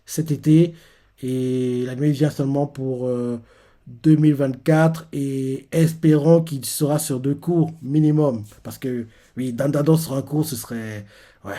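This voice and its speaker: A man's voice: medium pitch, steady tone, measured pace, dark tone. A man casually retelling manga chapters and reacting to them, talking in loose rambles full of fillers.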